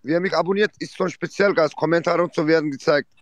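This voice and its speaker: A man's voice: on the high side, fast, no echo. A man chatting casually as a livestreamer and addressing his viewers. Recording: faintly noisy livestream audio with clicks.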